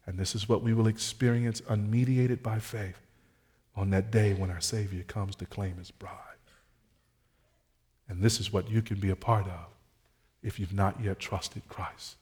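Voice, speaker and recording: A man's voice: fairly even intonation, a little slow. Earnest male pastor preaching. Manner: earnest preaching, swells loud when reading scripture, drops soft and low for appeals. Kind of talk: sermon.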